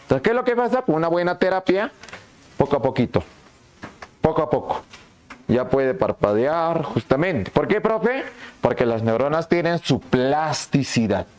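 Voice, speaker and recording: Male anatomy prof, lively lecture, slightly high voice with big pitch swings, plays both teacher and student. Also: moderate pace. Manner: asks and answers his own questions, plays the students' lines too.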